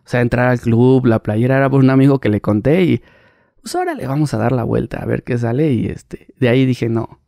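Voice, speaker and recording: Gravelly Mexican man telling stories. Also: mid-range voice, a little fast, no room sound, clean studio sound. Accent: Mexican Spanish. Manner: animated, acts out quoted voices, laughs mid-story. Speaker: paparazzi guest. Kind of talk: casual interview storytelling.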